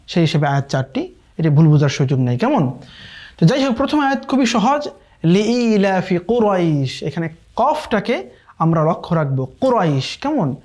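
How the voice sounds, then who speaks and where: A man's voice: a little high, darkish tone. Man teaching Quran recitation. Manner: explains quickly, then recites verses slowly and drawn out; often checks in with listeners asking "okay?". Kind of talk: online tajweed lesson.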